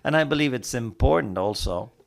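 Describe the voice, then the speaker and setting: A man answering as a panelist at a conference, speaking in a deliberate, formal way. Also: medium pitch, lively intonation, creaky.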